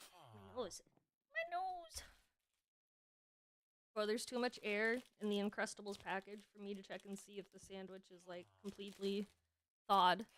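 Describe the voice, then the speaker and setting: Bright, giggly young woman streaming. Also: mid-range voice, flat delivery, brisk, smooth. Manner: chatty, giggly, talks while eating. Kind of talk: casual game stream chat.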